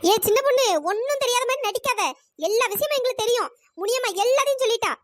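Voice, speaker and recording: A woman doing shrill, squeaky cartoon village women. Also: rapid-fire, no echo, clean studio sound. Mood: accusing. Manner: shrill scolding and accusing. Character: squeaky, quarrelsome village women, angry then sorry. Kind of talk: cartoon voice acting.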